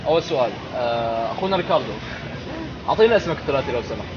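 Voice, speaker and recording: Speaking very fast and expressively in a mid-range male voice, this Levantine-accented teenage vlogger plays interviewer, playfully echoing and remarking on what people tell him. The sound is lo-fi, captured amid the urban noise of a busy public spot.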